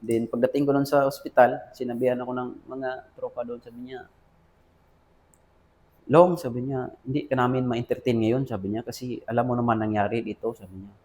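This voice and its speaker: Filipino man, army officer, relaxed interview retelling, mid-pitched voice, keeps saying sir. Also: brisk. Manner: addresses listener as sir often, quotes dialogue. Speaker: army officer telling his career story. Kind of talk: casual interview storytelling.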